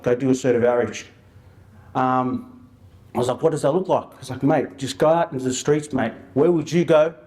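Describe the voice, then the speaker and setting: A man presents in an informal, storytelling way. His voice sits at a medium pitch, and he talks in colloquial, slangy phrases like an outreach worker sharing experience from the job. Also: darkish tone. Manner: colloquial and anecdotal, with slang and re-enacted dialogue.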